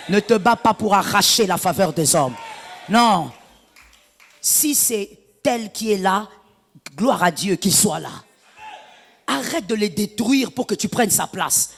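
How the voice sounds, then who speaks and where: A middle-aged woman pastor delivering a sermon, animated and half-singing some phrases, breaking into shouts. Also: medium pitch, measured pace, husky, in a large hall. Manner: animated preaching, lapsing into sung phrases and shouts.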